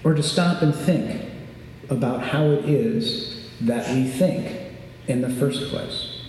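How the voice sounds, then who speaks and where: A man giving a reflective sermon in a large sanctuary, with measured, lyrical phrasing. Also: mid-range voice, a little mellow. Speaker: preacher. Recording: very echoey large hall, faint noise.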